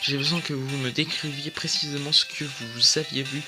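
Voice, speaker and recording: A man's voice: a little high, fairly even intonation, normal speed, loud music behind the voice, lightly acted. A man voicing a hesitant young male defense lawyer who stammers.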